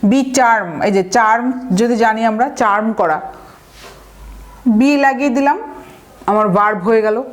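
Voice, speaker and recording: A young woman teaching a vocabulary lesson, explaining step by step, asking questions and answering them herself, and reading example sentences slowly. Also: a little high. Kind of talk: vocabulary lecture.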